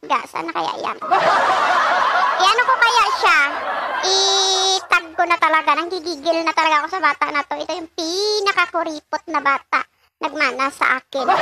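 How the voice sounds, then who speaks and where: A middle-aged woman talks through her cake decorating in a very high voice. She jokes freely, laughs often and mixes in English. Loud noise runs under the whole recording. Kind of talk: casual chat while decorating a cake.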